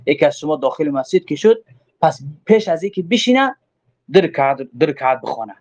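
A man's voice: fairly high pitch, very animated, a little mellow. A man with a Tajik accent teaching from a religious text, quoting Arabic phrases and explaining them, often asking himself questions before answering. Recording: dull lo-fi recording.

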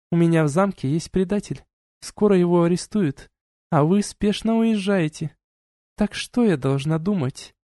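A man reading an audiobook and voicing a cold, scornful noble duchess who lectures in a measured, sarcastic way. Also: high voice, mellow, dry recording, studio quality, natural voice.

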